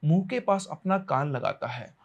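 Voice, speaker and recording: A man narrating a horror story in a dramatic way, pushing suddenly ahead and then slowing down. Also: fairly high pitch, expressive, lo-fi sound.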